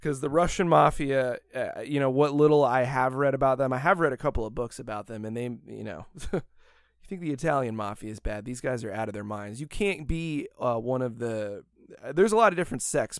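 A man's voice: medium pitch, no room sound, studio quality. Rambling, cursing American man. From United States. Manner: rambling, profane, laughs often. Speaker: podcast host. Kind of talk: casual podcast chat.

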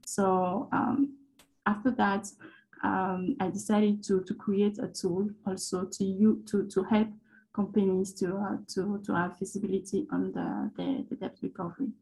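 A woman from Ivory Coast with an Ivorian French accent, answering interview questions haltingly as she searches for words. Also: mid-range voice, little pitch movement, mellow, poor audio. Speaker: startup founder and guest.

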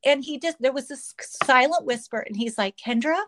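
A woman's voice: high voice, normal speed, a bit bright. A middle-aged woman sharing a personal faith testimony in an interview, telling her story with emotion and acting out quotes. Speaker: guest.

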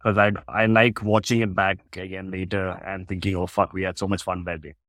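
Brief: relaxed guest, man in his 30s from Russia, low voice, close dry mic. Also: a little fast, no echo. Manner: laid-back, laughs often, many fillers. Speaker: podcast guest, content creator. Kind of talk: casual chat.

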